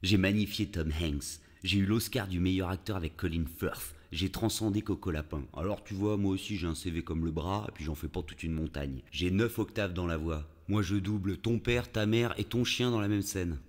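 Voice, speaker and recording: An actor playing a pompous, boastful, mocking dubbing coach in a comic audio fiction, with a French accent from France and a jokey, bragging manner. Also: male voice, low-pitched, normal speed, few pauses, close to an everyday voice. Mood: boastful, aggrieved. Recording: long reverberant echo.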